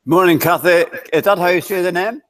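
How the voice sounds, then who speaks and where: A man's voice: sits high, brisk, dry recording. Chatty Northern English man, dry sound. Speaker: guest. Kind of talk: casual chat.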